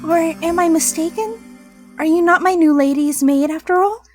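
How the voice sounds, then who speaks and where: A woman voicing an excitable, girlish young lady of a grand house in a cute anime-girl voice, as in a visual novel. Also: very high-pitched, moderate pace, soft background music, pitched above the performer's own voice. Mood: anxious, pleading. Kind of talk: visual novel character read-out.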